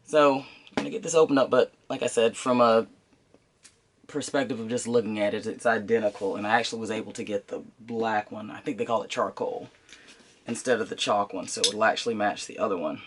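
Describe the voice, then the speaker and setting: Man, somewhat low voice, stuffed-up sinuses, informal unboxing host, thinking aloud, noticeable background noise. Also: fairly even intonation, a little fast. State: congested with a sinus problem. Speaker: host of a tech unboxing channel. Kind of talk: casual unboxing commentary.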